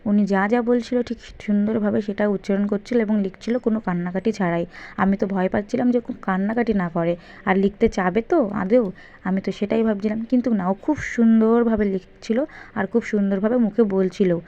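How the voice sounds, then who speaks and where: A woman's voice: mid-range voice, fairly even intonation, a little fast, warm tone. A young woman vlogging in a casual, chatty way, repeatedly talking straight to her viewers. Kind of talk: casual vlog narration. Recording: dull lo-fi sound.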